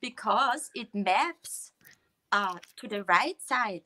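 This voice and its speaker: A woman's voice: medium pitch, expressive, slow pace, sharp tone. A woman with a German accent, a guest giving a slide presentation over a video call, explaining steadily with many fillers and restarts. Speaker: guest speaker.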